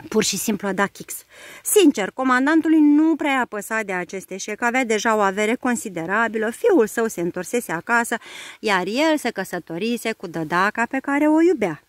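A woman narrating a children's book aloud in a lively, expressive storytelling manner. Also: fairly high pitch, no room sound.

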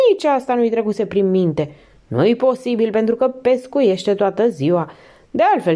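A woman narrating an audiobook as an expressive reader. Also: on the low side. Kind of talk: scripted narration.

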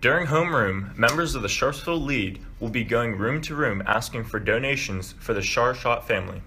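A man's voice: medium pitch, lively intonation, brisk, pushed and bright, slight background noise. A young man from the United States reading scripted morning announcements in a school intercom manner.

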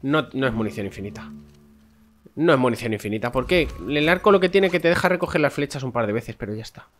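This gameplay streamer talks fast and expressively in a mid-range voice, stuffy and nasal because he has a cold. Faint music plays behind his casual let's-play chatter to viewers, which is full of swearing.

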